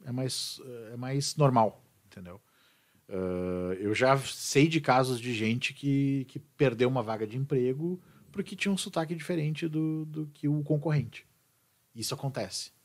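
A man, an English teacher chatting casually and animatedly. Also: medium pitch. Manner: animated, repeats and restarts words. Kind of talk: casual podcast chat.

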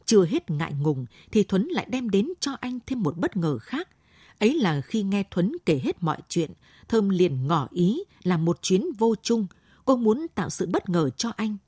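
A woman narrates a late-night short story. Her voice is mellow and husky, with lively melodic movement, recorded dry. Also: medium pitch, moderate pace, no room sound.

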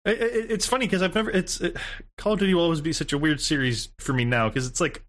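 A man's voice: fairly high pitch, quick pace, a bit bright. A young man co-hosting a casual gaming chat, sarcastic and joking. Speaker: podcast co-host.

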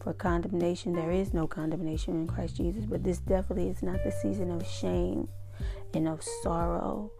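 Creaky-voiced woman exhorting, with braces. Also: lowish voice, steady tone, brisk, over music. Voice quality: speaks with braces in the mouth, slightly stumbling articulation. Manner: emphatic, repeats phrases for emphasis. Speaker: faith vlogger giving encouragement. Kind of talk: informal devotional exhortation.

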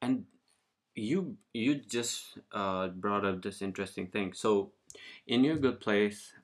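Guy interviewer, lowish voice, really slow talker, casual and thoughtful, pieces sentences together as he goes.

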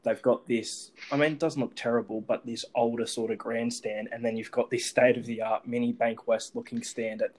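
An Australian man hosts a casual sports chat. His mid-pitched voice stays fairly level in intonation, and he talks informally, as one fan to another. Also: flat delivery, normal speed, hardly any pauses, low-quality recording. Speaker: podcast host.

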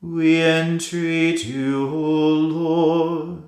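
A choir chanting in a long, steady line at a very unhurried pace, each phrase held level with little rise or fall. Their voices bloom into a wide cathedral echo, with faint music beneath. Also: mid-range voice. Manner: slow, even choral chanting. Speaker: church choir. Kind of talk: sung evening liturgy. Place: large stone cathedral.

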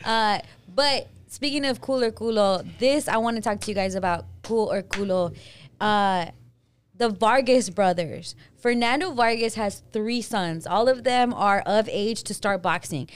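A woman hosts a podcast in an easy, casual way. Her voice is smooth and clear, in the middle of the range for a woman. She swears freely and laughs often. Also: medium pitch, measured pace. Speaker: podcast host. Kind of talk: casual chat.

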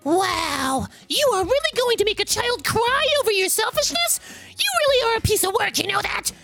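A man voicing a shrill, indignant entitled mother who yells at a stranger. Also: big pitch swings, moderate pace, vocal fry, over music, exaggerated voice. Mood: scolding. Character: shrill entitled mother, middle-aged, screeching.

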